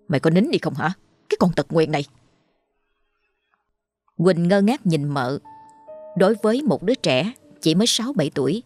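Low-voiced woman narrating a ghost story. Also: darkish tone.

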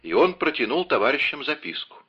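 A man's voice: medium pitch, sing-song, fairly quick, breathy edge. Man reading an audiobook, dramatic, dull lo-fi recording. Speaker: narrator. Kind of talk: audiobook narration.

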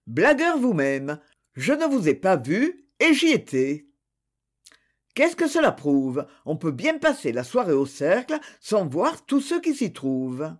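A reader voicing a placid, chubby Englishman who answers in an imperturbable, deadpan way. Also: mid-range voice, a little slow.

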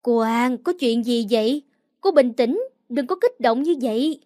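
A woman reading a storybook voicing a calm older housekeeper who speaks soothingly. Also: a little high, unhurried, dry recording, studio quality.

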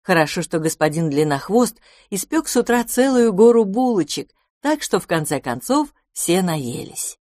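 A woman narrating a children's audiobook with lively, expressive storytelling. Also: on the low side, normal speed, few pauses, dry recording, studio quality.

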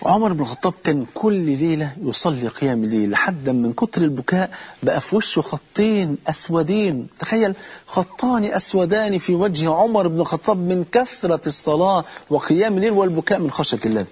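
Fast-talking husky Egyptian preacher. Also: male voice, fairly high pitch, animated, a little mellow. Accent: Egyptian Arabic. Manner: storytelling with slow, drawn-out quotes; addresses listeners directly. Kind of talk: sermon.

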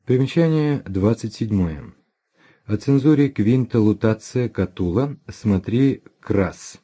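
Man, audiobook reader, lowish voice, mellow tone, measured reading. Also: husky. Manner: measured, even reading that announces pages and footnotes aloud. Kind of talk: scripted narration reading a history text with footnotes.

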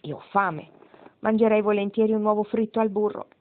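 A woman's voice: mid-range voice, level tone, fairly quick, voice pushed up, close to an everyday voice. Wry dying grandmother, read by a woman. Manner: wry, satirical. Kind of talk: audiobook reading. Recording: tinny phone-like sound.

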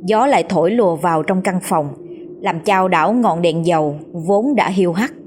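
A woman narrating a ghost story in a deliberate, suspenseful tone. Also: on the low side, a little mellow, a little hiss or hum. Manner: slow, deliberate, suspenseful telling.

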